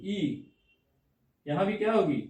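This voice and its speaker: A man's voice: sits high, animated, slow, a little mellow. A man teaching a classroom grammar lesson, asking questions and checking that his students follow. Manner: checks understanding with repeated "theek hai na?". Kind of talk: classroom lecture on Hindi grammar. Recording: echoey room, distant mic.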